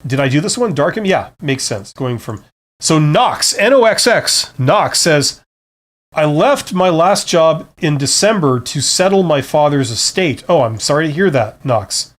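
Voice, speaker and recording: A middle-aged man talks loosely through viewer questions on a live stream, mixing jokes with practical advice. He reads each question aloud and slips into quick bits of quoted speech. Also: a little high. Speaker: host answering viewer questions.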